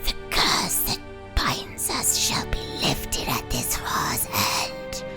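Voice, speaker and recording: A woman voicing a sinister undead ghost in a breathy whispered ghost voice while reading out a game. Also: very deep voice, huge pitch swings, slow pace, over music, voice pushed down, heavily acted. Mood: menacing. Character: sinister undead oathbreaker ghost, servant of the Dark Lord. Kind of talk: character voice in a game read-aloud.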